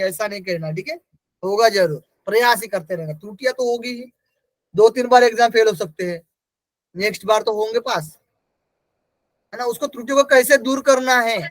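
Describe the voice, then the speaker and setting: Guy teacher, really high voice, asks questions then answers them, dry close mic. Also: a bit bright, no echo, rough recording. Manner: repeats key terms for emphasis. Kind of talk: exam-prep lecture.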